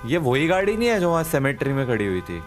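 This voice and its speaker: A man giving joking playthrough commentary, mixing Hindi and English in quick chatter. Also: mid-range voice, sing-song. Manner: talks fast over the music. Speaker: gaming YouTuber. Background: game music.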